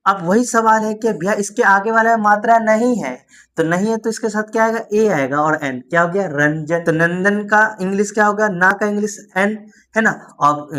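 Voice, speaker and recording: A man's voice: high-pitched, a bit bright. A man teaching a beginners' spelling lesson, encouraging his students and asking questions that he answers himself. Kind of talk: spoken lesson.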